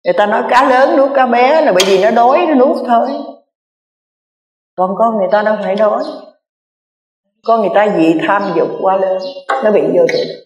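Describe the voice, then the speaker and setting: A Buddhist nun delivers an earnest sermon, repeating key phrases for emphasis and speaking straight to her listeners. Her mid-pitched voice rings through a roomy hall with a long, trailing reverb. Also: brisk, pauses often, darkish tone, muffled recording, slight background noise. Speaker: Buddhist nun giving a dharma talk.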